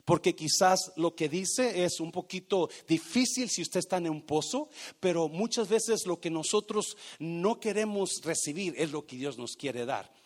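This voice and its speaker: A middle-aged man, preaching a sermon and telling a personal story with dramatic swells of loudness for emphasis. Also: fairly high pitch, lively intonation, a little slow, hardly any pauses. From Mexico. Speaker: pastor.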